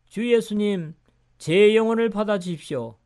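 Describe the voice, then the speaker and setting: A man's voice: high-pitched, normal speed, darkish tone, clean tone, natural voice. Stephen, a man doing a fervent young believer. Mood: pleading.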